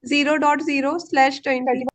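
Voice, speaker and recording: A woman's voice: high voice, level tone, moderate pace. A woman student answering in an online class, hesitant and piecemeal, her voice breaking up over a crackly call. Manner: hesitant, reads out numbers piece by piece. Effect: voice breaking up over a call connection.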